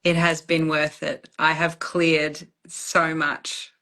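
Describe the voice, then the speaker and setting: A woman sharing personal reflections as a client in a spiritual session, halting as she searches for her words. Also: low voice, completely flat delivery, pushed and bright.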